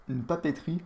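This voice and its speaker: A man's voice: a little high, a little mellow, a little hiss or hum. A man streaming live, chatting crudely and joking with his chat.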